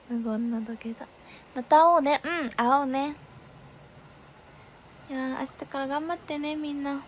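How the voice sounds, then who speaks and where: A young woman with a high voice talks to her viewers on a live stream, playful and quick to giggle. She reads out their comments and answers them in a relaxed, chatty way. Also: a little hiss or hum.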